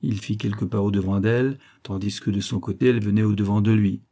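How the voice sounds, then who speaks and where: A man narrating a classic novel as an audiobook in a measured, literary manner. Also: fairly low pitch, fairly even intonation, mellow.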